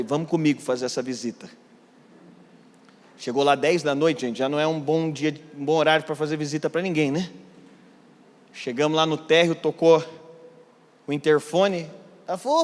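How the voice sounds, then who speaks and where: A Brazilian pastor preaching in a church, his voice sitting high for a man. He tells stories with big swings, dropping to near-whispers and then climbing to loud peaks. The sound carries a long reverb from the hall. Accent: Brazilian Portuguese. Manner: animated, swings from hushed to shouting. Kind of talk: sermon with storytelling.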